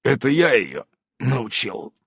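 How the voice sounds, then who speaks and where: A man reading an audiobook, voicing a wry, fastidious father who speaks in a dry, grudging way. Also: medium pitch, wildly swooping pitch, husky, no room sound, pitched above the performer's own voice, heavily acted. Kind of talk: audiobook character voice.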